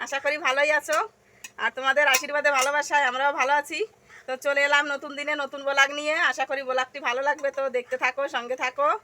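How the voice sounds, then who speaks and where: A woman's voice: high voice, flat delivery, fast talker, pushed and bright. A woman narrating a family vlog outdoors at her rural home, talking chattily to viewers she calls friends. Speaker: family vlogger. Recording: noisy outdoor phone recording.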